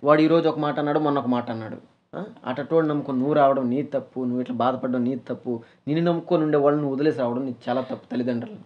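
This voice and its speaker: Guy talking super fast like a big brother, firm but caring, kinda dull lo-fi sound. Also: mid-range voice, steady tone. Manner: brotherly, firm, scolding then consoling. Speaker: host. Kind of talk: casual chat.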